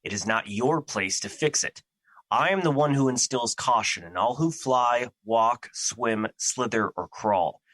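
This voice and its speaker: A man's voice: mid-range voice, a little slow, a bit bright, no echo, poor audio. A man playing Fear as an ancient, solemn and anxious being, speaking formally and theatrically in an audio drama. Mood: distressed, indignant.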